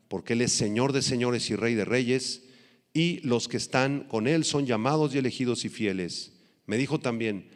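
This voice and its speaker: A male pastor preaching a sermon in an animated, teacherly way, rising loud on key points and slowing down to stress words. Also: lowish voice. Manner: teacherly, spells out terms and tells listeners to note them. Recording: long hall reverb.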